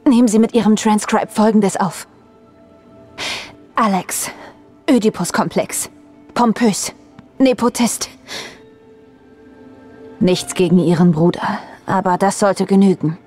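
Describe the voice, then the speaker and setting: A worried crewwoman from a sci-fi game, earnest and urgent. Her voice is husky and mid-pitched, with faint music underneath. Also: slow pace, long pauses, a little mellow. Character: worried, earnest female space station crew member. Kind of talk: video game voice acting.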